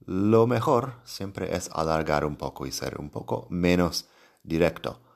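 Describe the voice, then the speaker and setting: Man, English teacher, very low voice, unhurried delivery, repeats example phrases. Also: expressive, vocal fry. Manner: slow, patient explanations with repeated example phrases. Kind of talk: podcast-style language lesson.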